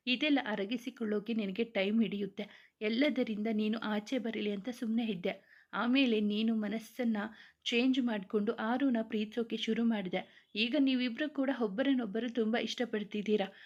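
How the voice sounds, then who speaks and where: A woman's voice: a little high, fairly even intonation, normal speed, darkish tone, lo-fi sound, close to an everyday voice. A woman reading the lines of a young man who teases and scolds his best friend, in a storybook tale.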